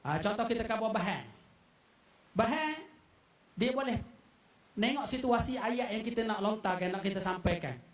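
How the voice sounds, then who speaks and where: Man, very high voice, forum speaker, quizzes the crowd. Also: expressive, normal speed, long pauses. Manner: quizzes the audience, chuckles often. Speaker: panel speaker on local dialect. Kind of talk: explanatory forum talk.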